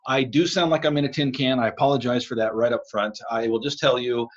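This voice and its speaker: A man's voice: mid-range voice, fairly even intonation, quick pace. A man hosting a podcast in a chatty, apologetic way, sounding tinny and tin-can-like through a laptop microphone. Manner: chatty, apologetic, many filler "uh"s. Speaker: podcast host. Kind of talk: casual podcast chat. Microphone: built-in laptop microphone.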